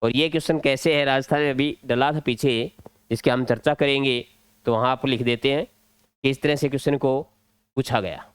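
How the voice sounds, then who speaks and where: A man's voice: mid-range voice, fairly even intonation, moderate pace, clear, resonant tone, no room sound. A male teacher with a Rajasthani Hindi accent, explaining an exam-prep grammar lesson step by step at a board. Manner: step-by-step explaining, drilling points.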